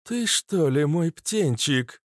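A man's voice: fairly high pitch, lively intonation, slow, no room sound, studio quality, pitched above the performer's own voice. A man voicing a fierce, hot-tempered female werewolf fighter who talks bluntly and swears, in an audiobook. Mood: teasing.

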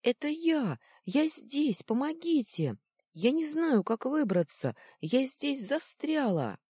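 A woman's voice: very animated, slow, dry recording, studio quality, full character voice. Indignant trapped little girl, as a woman reader puts her on. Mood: pleading. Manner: shouting, pleading, high and indignant.

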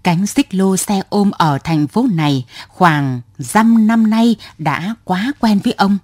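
Slow husky woman storyteller. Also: mid-range voice, dry recording, clean studio sound. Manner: calm, measured storytelling. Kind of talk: audio story narration.

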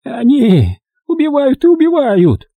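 Man voicing a shrill, creaky old crone. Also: huge pitch swings, unhurried, warm tone, no room sound, full character voice. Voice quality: creaky, grating. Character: shrill raspy old woman teacher, fanatical.

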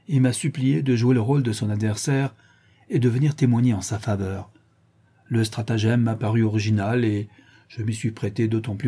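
Narrator doing a deferential young gentleman, husky and mellow, storybook reading. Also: mid-range voice, close to an everyday voice. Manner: deferential, explanatory. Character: respectful young nobleman messenger. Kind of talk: audiobook reading.

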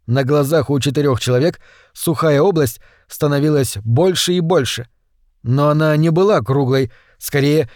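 A man narrating a science fiction audiobook in a steady, even storytelling manner. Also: mid-range voice, dry recording, clean studio sound. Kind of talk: scripted narration.

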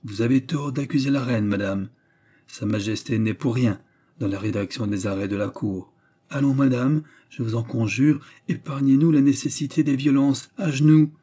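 A man's voice: mid-range voice, mellow, breathy edge, close to an everyday voice. A man voicing a grave, formal court clerk. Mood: solemn. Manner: formal, measured and solemn.

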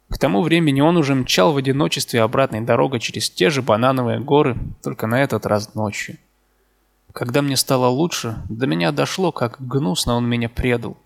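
A man narrating a literary novel as an audiobook in a calm, measured way, with a gravelly voice. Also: mid-range voice.

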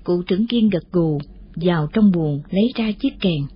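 A woman narrating an audiobook in a calm, steady manner. Her voice is husky at a mid pitch. The audio is dull and lo-fi. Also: normal speed. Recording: muffled lo-fi audio.

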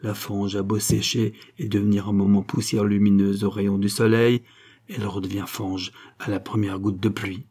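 A man's voice: on the low side, flat delivery, moderate pace, warm tone, slightly rough. A man voicing a disillusioned young nobleman who mutters bitterly under his breath, in an audiobook.

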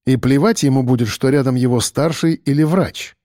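A man reading a first-person story in steady, tense narration. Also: medium pitch, normal speed, no echo, clean studio sound. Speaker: audiobook narrator.

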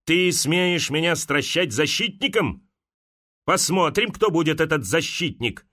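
A man reading an audiobook, voicing a stern, domineering old general who scolds and threatens his daughter in a slow, gruff way. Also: fairly high pitch, animated, pushed and bright, full character voice.

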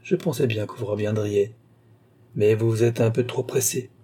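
A man's voice: on the low side, steady tone, moderate pace, dark tone, breathy edge. A man voicing a scheming, greedy woman doctor who talks down coolly and sweetly, in an audiobook reading. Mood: coldly wheedling. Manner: coolly condescending, calls her "ma petite".

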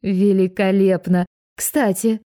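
A woman's voice: mid-range voice, fairly even intonation, normal speed, dark tone, natural voice. Woman doing a flustered, fussy grandmother. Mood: wistful. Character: flustered kindly grandmother, guilty and shy.

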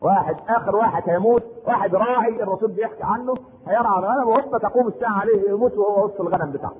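An impassioned male preacher with an Egyptian Arabic accent, moving between slow, solemn recitation and colloquial storytelling. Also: high voice, slight background noise. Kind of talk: emotional religious sermon. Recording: tinny lo-fi audio in an echoey hall.

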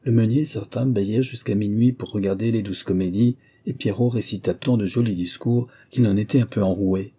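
A man calmly narrating a fairy tale audiobook in a measured storytelling manner. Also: lowish voice, breathy edge.

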